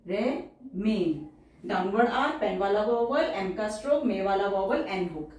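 A woman teaching shorthand, explaining each outline step by step and repeating every word slowly and carefully. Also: mid-range voice, expressive, darkish tone, distant mic. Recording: very echoey room, voice from off the mic.

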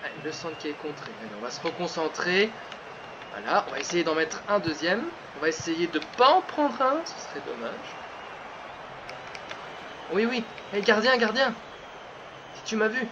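A man commentating his own football video game career live, excitable, breaking into shouts and laughter before calming himself down. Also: high-pitched, normal speed, pauses often. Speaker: gaming channel host. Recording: muffled lo-fi sound with steady background noise.

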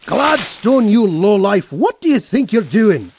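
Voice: mid-range voice, sing-song, unhurried, a little mellow, slight background noise. A performer voicing a cantankerous, scolding old male duck, a rich miser in a cartoon comic dub. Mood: bossy, scolding. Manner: gruff, scolding, insulting. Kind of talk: amateur comic dub acting.

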